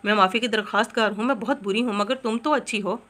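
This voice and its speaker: A woman's voice: on the high side, quick pace, fairly bright tone, lightly acted. Woman doing a mischievous young woman. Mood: pleading. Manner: teasing, then pleading.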